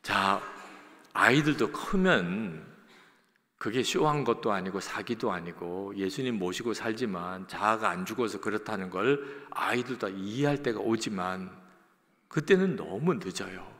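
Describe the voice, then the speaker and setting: Lively, bright-voiced pastor preaching in a hall. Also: male voice, fairly low pitch, a little slow. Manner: storytelling, acting out quotes, addressing the congregation. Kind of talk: sermon. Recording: long church-hall reverb.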